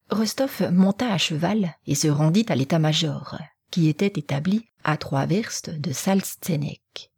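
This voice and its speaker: Low breathy woman narrator. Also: a little mellow, no echo, clean studio sound. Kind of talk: audiobook narration.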